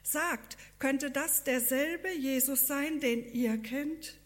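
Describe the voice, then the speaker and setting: A woman voicing a gentle, devout male villager who speaks tenderly and with breathless wonder. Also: sits high, slow pace.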